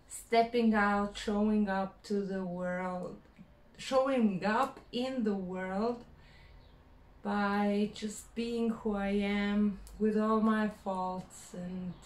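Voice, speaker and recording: Speaking in English, not her first language, a Croatian-accented vlogger talks to her camera in a personal monologue, very slow and hesitant as she reaches for words and fills gaps. Her ordinary-pitched voice is a little mellow, and the recording is roomy with a noticeable echo.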